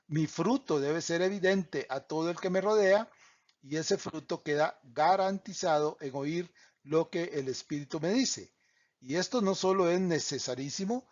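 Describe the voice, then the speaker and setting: A man with a slightly high voice teaches a Bible study, reading scripture passages and explaining them in earnest. He stumbles now and then and corrects himself before going on. The recording is dull and lo-fi, with little top end. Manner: reads scripture aloud, with small slips and self-corrections.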